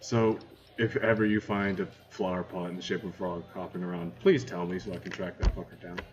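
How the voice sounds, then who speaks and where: A man's voice: deep voice, brisk. A man playing a tabletop role-playing game, chatting casually with friends and swearing freely. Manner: profane, excitable banter. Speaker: player. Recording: dull, noisy home recording.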